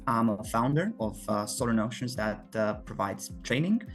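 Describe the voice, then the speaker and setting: A man's voice: medium pitch, lively intonation, normal speed, faint music behind. A man from Romania, answering interview questions in an earnest, explanatory way with frequent restarts. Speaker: guest, solar company founder.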